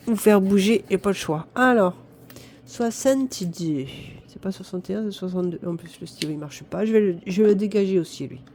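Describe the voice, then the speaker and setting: A woman in her fifties from northern France talks to the camera in a mid-range, dark-toned voice, with slight background noise. As a budget vlogger, she fills her budget envelopes, counts aloud, and pokes fun at herself along the way.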